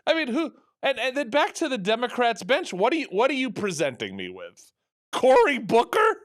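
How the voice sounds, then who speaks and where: Talk host, male, high lively voice, sarcastic rambling rant, dry studio sound. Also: a little fast, dry recording. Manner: animated, rambling, sarcastic, with many restarts. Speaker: radio talk show host. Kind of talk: opinionated political talk.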